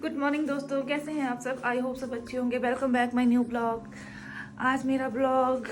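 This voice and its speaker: Young female home vlogger, friendly and talkative, slightly high voice. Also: darkish tone, slight background noise. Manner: chatty, addresses viewers as friends. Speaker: family vlogger. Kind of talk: casual vlog chat to viewers. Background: background music.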